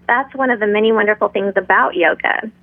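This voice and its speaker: A middle-aged woman speaking in a calm, measured, instructional manner, like a yoga teacher guiding a class. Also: medium pitch, no room sound. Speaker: yoga instructor, interview guest. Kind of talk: interview talk with guided breathing and pose instruction. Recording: tinny narrow phone-like line.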